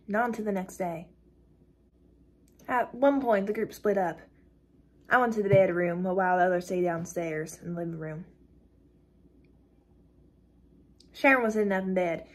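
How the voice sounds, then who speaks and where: A woman's voice: on the low side, moderate pace, natural voice. Woman playing a gleeful cold young cult member. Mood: matter-of-fact. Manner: boastful, coldly matter-of-fact with bursts of excitement. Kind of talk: dramatic script reading.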